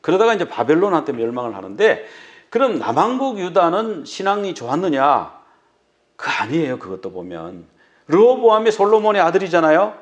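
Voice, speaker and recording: A man's voice: a little high, big pitch swings, a little fast, highs cut off. A male pastor preaching a sermon, dramatically acting out the words of biblical figures. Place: church.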